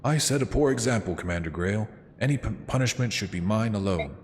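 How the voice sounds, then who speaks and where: A man's voice: lowish voice, lively intonation, a little fast, a little hiss or hum, lightly acted. A man reading a dutiful female deputy commander. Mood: earnest.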